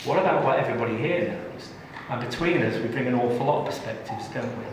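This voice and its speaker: Jokey presenter in an echoey hall. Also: male voice, mid-range voice, fast, distant mic, slight background noise. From England. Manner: jokey, chatty, engages the audience. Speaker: tax trainer. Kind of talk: live training presentation. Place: large training room.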